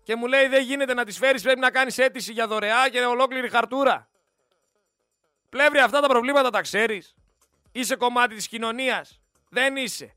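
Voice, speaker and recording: A man's voice: extremely high pitch, dry recording, clean studio sound, faint music behind. A man hosting a daily radio show, ranting angrily at politicians and reading listener messages aloud. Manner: ranting, scolding, shouting at politicians. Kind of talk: angry political radio monologue.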